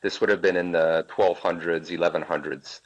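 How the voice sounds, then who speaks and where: Male caller from Poland, deep voice, curious and halting, dull lo-fi line. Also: fairly even intonation, a crowd in the background. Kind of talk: casual chat. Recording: dull lo-fi audio.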